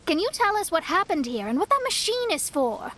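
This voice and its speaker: A woman's voice: very high-pitched, very animated, a little fast, fairly bright tone, a little hiss or hum, full character voice. An actress playing a theatrical, grandiose young woman in a game cutscene. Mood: haughty. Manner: grandiose, dramatic phrasing. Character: theatrical young female self-styled princess, grandiose.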